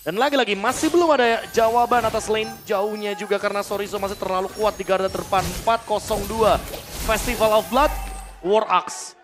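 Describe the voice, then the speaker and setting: A high-voiced Indonesian man works as an esports caster, breaking down the game analytically. Music runs clearly behind his commentary. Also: steady tone, fairly quick.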